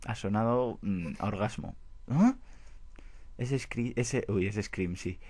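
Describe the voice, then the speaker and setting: A man's voice: lowish voice, measured pace, a little mellow. A man with a Spain Spanish accent chatting and joking through a game playthrough, self-mocking. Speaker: let's-play gamer. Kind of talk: casual gameplay commentary. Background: game music.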